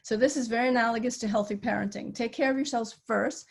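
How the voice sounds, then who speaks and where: A woman's voice: a little high, steady tone, quick pace, vocal fry, husky. A middle-aged woman who grew up in Vietnam, speaking as a psychiatrist in a webinar, talking conversationally over a video call and explaining with everyday analogies. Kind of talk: webinar talk.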